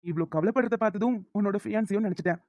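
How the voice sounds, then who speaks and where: A woman voicing a calm, reassuring male doctor who speaks in a gentle, measured, professional way, on a dull lo-fi recording. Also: mid-range voice, dry recording, close to an everyday voice. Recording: dull lo-fi sound.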